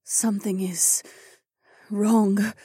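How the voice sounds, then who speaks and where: A man's voice: high-pitched, little pitch movement, extremely slow, mellow, breathy edge, no echo, clean studio sound, pitched above the performer's own voice, heavily acted. A man doing a stern, scolding mage woman. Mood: stern, worried. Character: stern ibex woman mage, sharp and protective. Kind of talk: audiobook character voice.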